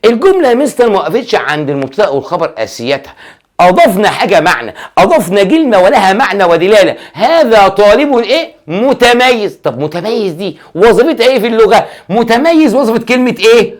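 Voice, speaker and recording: A man's voice: high voice, big pitch swings, fast. A male Arabic grammar teacher with an Egyptian accent gives a classroom lesson, quizzing aloud and answering his own questions, often stretching out key words for emphasis.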